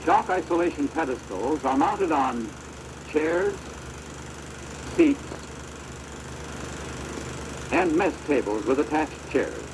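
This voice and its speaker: An American man delivers formal, measured instructional narration for a training film, heard through the deteriorated soundtrack of an old projector. His voice is a little high and very animated, with a noisy background.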